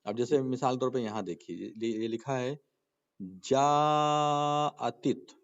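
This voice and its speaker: Male tajweed teacher, mid-pitched voice, patient and repetitive, asks questions as he explains. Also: gravelly, darkish tone, muffled recording. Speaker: Quran recitation and tajweed teacher. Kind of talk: spoken lesson with slow chanted recitation examples.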